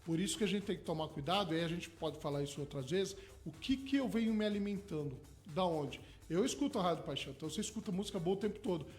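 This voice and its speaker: Brief: man, hypnotherapist guest on radio, high voice, eager, piles up everyday examples. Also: fast talker, few pauses, a little mellow, soft background music. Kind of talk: radio interview. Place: radio studio.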